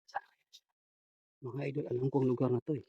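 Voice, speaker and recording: A man filming a ghost-hunting vlog, talking to his viewers in a hushed, tense voice. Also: mid-range voice, level tone, quick pace, husky, no echo, dull audio. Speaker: ghost hunter vlogger.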